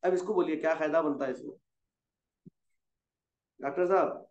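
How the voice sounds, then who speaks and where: A man teaching Quran reading, patiently spelling out letters and gently correcting his student. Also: on the high side. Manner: coaxing, corrects gently and repeats letters slowly. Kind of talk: patient tutoring over a call. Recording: roomy, dull lo-fi sound.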